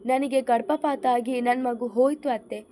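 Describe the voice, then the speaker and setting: A woman's voice: a little high, steady tone, a little slow, warm tone, a little hiss or hum, close to an everyday voice. A woman voicing a grief-stricken young wife who speaks in a tearful, accusing way in an audio story.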